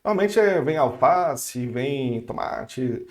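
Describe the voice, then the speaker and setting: A man's voice: medium pitch, expressive, slow. Chatty Brazilian man teaching French. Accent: Brazilian Portuguese. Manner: chatty, upbeat, with asides and restarts. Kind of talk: casual online language lesson.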